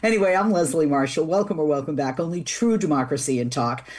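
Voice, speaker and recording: Low-voiced woman host with a Boston accent. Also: animated, fast talker, a little mellow. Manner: chatty, informal, directly addresses listeners. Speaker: radio talk show host. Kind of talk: upbeat conversational interviewing.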